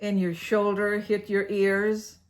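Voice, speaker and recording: A woman's voice: mid-range voice, level tone, takes it slowly. A woman hosting an educational series, narrating a scripted explainer in a playful, theatrical way and laughing at her own jokes.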